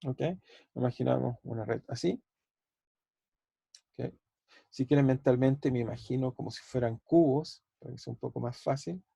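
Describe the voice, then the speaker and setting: A man's voice: medium pitch, fairly even intonation, normal speed, gravelly, long pauses, dark tone, slightly rough, no echo, highs cut off. A man teaching a university physics class over a video call, thinking aloud, repeating words and putting questions to his students. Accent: Chilean Spanish. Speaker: physics professor. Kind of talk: online university lecture.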